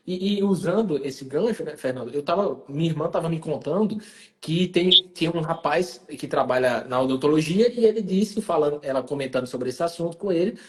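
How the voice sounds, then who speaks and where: A man's voice: on the high side, darkish tone. A man hosting a live conversation, talking emphatically and often addressing his guest by name. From Pernambuco, Brazil. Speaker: live stream host. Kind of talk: casual conversation.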